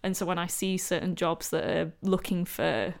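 A woman's voice: fairly low pitch, normal speed, gravelly. A woman hosting a podcast interview, talking thoughtfully in a casual conversational way, often hedging with "sort of" and "like". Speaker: podcast host.

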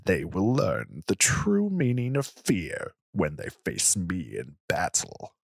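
A man's voice: sits low, huge pitch swings, slow, creaky, no room sound, clean studio sound, full character voice. A man voicing a boastful, arrogant male dragon villain with grandiose, declaiming speech.

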